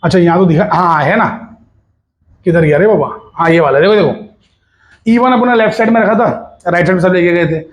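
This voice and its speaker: High-voiced chatty physics teacher, man. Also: brisk. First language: Hindi. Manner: chatty, coaxing, mixes Hindi with English and Marathi asides. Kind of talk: recorded online physics lesson.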